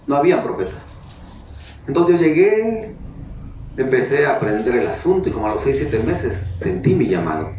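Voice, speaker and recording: A man's voice: medium pitch, darkish tone. A man from Mexico preaches to his congregation, chatty and personal, often stopping to ask them questions. He is heard from some distance in a roomy, echoing church hall. A faint hum of the room sits behind him. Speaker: pastor. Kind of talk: sermon. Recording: echoey hall, mic at a distance.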